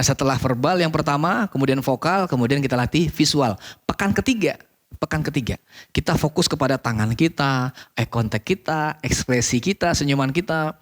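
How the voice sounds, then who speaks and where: A man teaching a public speaking course, often asking questions and answering them himself, repeating key phrases for emphasis. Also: a little high. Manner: animated, asks and answers his own questions. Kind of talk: online course lesson.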